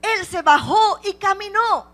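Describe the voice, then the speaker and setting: A woman's voice: very high-pitched, unhurried, fairly bright tone, faint music behind. A woman preaching a sermon with passion, driving her points home with repeated rhetorical questions.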